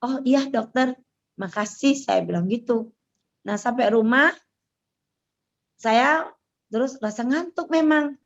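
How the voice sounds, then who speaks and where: A woman's voice: fairly high pitch, slow pace, pauses often, muffled recording. Earnest woman sharing a prayerful testimony. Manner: earnest, prayerful, casual storytelling. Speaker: person giving a testimony.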